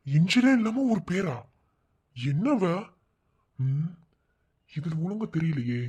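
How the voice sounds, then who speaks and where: A man voicing a scornful, mocking man in an animated cartoon, muttering insults. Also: fairly high pitch, slow pace, breathy edge, full character voice. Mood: sneering. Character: sneering man, scornful and petty.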